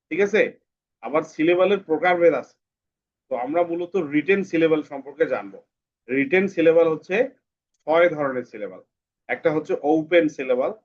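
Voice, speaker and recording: A male English teacher giving a class to children, patiently repeating words slowly and breaking them into syllables. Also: fairly high pitch. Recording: dull lo-fi sound.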